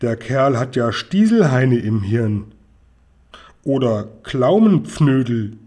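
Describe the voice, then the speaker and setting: A man reading a storybook aloud and voicing a cheeky, eager boy, with a husky voice. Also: medium pitch, big pitch swings, slow, mellow. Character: cheeky eager boy playing word games.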